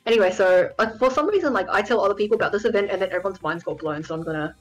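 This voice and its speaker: Fast-talking, husky-voiced woman. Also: mid-range voice, faint music behind, rough recording. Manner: eager storyteller, gushing. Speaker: podcast co-host. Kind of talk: casual chat.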